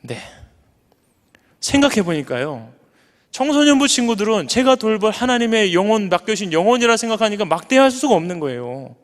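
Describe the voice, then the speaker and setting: A high-voiced male pastor preaching in a church sanctuary, earnest and personal. His voice climbs to strong, emphatic peaks, and it rings out with a long hall reverb. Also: sing-song, brisk. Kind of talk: sermon.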